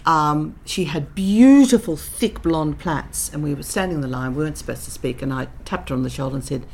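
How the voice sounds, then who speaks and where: Her voice is low-pitched and darkish with a breathy edge, and she talks a little fast. She is a middle-aged, Dutch-born interview guest, candidly telling stories marked by dry, reflective humour.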